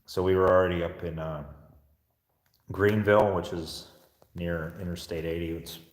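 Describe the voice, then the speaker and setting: A low-pitched American man rambles casually to his live stream viewers in an unhurried way. He is in an echoing stairwell, and his voice rings with long reverb. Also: steady tone. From Pittsburgh area, United States. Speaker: paranormal investigator livestreamer. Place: indoor stairwell of an old seminary building.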